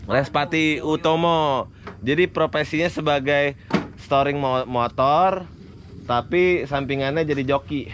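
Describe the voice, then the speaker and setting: On a muddy dirt trail outdoors, a man vlogs casually and jokes around with his riding friends. His voice is fairly high and his pace measured, though loud outdoor and engine noise fills the recording.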